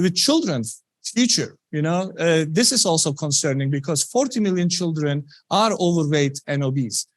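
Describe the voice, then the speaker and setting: A man's voice: fairly high pitch, no echo. Man giving a science talk. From Turkey. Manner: earnest, conversational, many "you know" fillers. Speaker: scientist presenting research.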